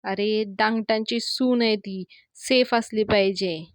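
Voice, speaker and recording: A woman's voice: medium pitch, steady tone, slow pace, dry recording, studio quality. A woman voicing a stern, worried older man giving orders in a retold serial scene. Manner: insistent.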